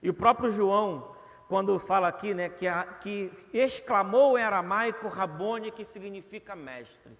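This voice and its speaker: A man's voice: high voice, measured pace, a bit bright. A young Brazilian man preaching a sermon in a church, earnest and repeating words for emphasis. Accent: Brazilian Portuguese. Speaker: pastor. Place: church hall. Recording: long reverb of a church hall.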